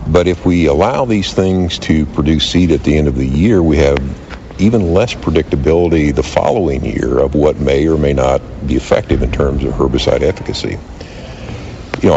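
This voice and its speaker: An American man being interviewed as an agricultural expert, explaining in a halting way with repeated words. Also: extremely low pitch, warm tone. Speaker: interviewed agricultural weed specialist. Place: noisy farm show. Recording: dull sound with clear venue noise.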